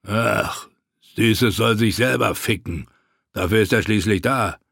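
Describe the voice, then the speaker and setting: A man voicing a brutish, dim-witted male slave-soldier sergeant who speaks gruffly, slowly and with contempt, in an audiobook. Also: fairly low pitch, fairly bright tone, no room sound, studio quality, exaggerated voice. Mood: contemptuous.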